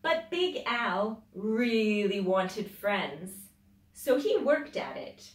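Drawing out her words for dramatic effect, a woman teacher leads a children's storytime, reading a picture book with lots of expression and an unhurried pace. The recording comes from a camera several metres off in a small tiled library room, giving it an echoey, far-away quality.

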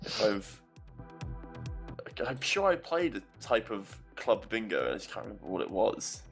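A young man streaming a game, chatting casually and reacting with animated, joking remarks. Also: fairly low pitch, normal speed. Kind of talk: casual chat while gaming. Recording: game music playing behind the voice.

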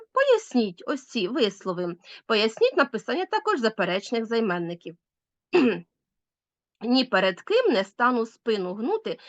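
A woman teacher giving a recorded grammar lesson, speaking clearly and stressing words with care. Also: on the high side, fairly bright tone, no echo, dull audio.

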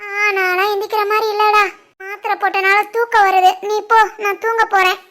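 A woman voicing an elderly mother with a sore leg in an animated family drama, groaning and drowsy. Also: extremely high pitch, moderate pace. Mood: sore, sleepy.

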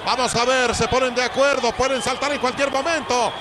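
A man with a Mexican accent giving excited live commentary on a lucha libre match. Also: very high-pitched, fairly quick. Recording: very loud crowd and arena noise.

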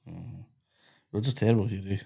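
A man hosting a podcast, chatting in an easygoing way and dropping in quick comments. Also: on the low side, vocal fry, mellow, breathy edge. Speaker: podcast host. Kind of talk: casual chat.

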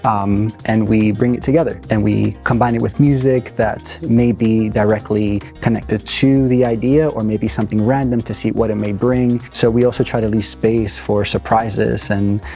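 Choreographer, man in his thirties, thoughtful interview talk, level and monotone, in a big studio. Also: on the low side, moderate pace, gravelly, hardly any pauses, faint music behind. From Puerto Rico, raised in New York City. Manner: thoughtful, with many fillers and restarts. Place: large dance studio.

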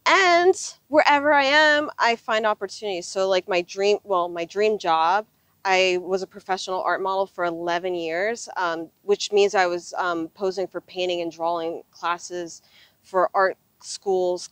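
This full-time RV traveler, a woman in her thirties, is the guest in a casual interview, answering in an earnest, reflective, conversational way. Her mid-range voice has a fairly bright, clean tone. A lapel mic clipped to her picks her up outdoors on an open desert gravel lot, with no room sound.

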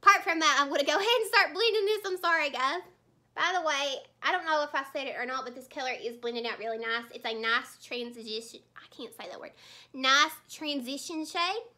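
A woman's voice: high voice, quick pace, pushed and bright. A young woman beauty vlogger talking casually and earnestly while doing her makeup, with lots of fillers and restarts. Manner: chatty and heartfelt, many fillers and restarts.

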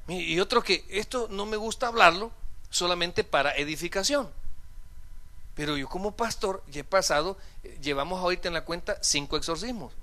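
A man's voice: sits high, normal speed, bright, forceful tone. A male pastor preaching a sermon in a church, telling humorous stories and acting out the dialogue. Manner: humorous storytelling, acts out dialogue. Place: church sanctuary.

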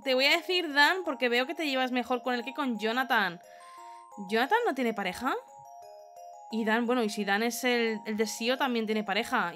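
A young woman giving animated, excited let's-play commentary, often exclaiming and laughing. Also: on the high side. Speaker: gaming YouTuber.

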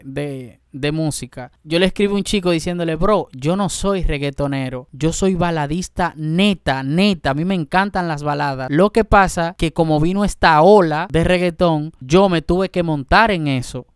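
An excitable young man talks casually to his viewers as he reacts to a video. His voice is smooth and clean, sitting at an ordinary pitch, and it is recorded dry and close with no room sound. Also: no room sound. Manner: excitable, exclaims and addresses viewers as "mi gente".

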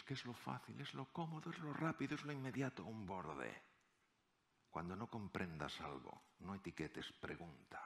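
Lively man from telling a story. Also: lowish voice. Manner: animated, acts out the characters in the story. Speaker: speaker. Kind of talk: storytelling talk.

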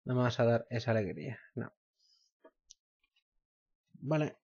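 A man's voice: medium pitch, unhurried, darkish tone, slightly rough, dry recording. A man with a Spain Spanish accent commentating on a game, reading the dialogue aloud and cracking crude jokes. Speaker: let's play gamer. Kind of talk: gameplay commentary. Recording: muffled lo-fi with game music. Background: game music.

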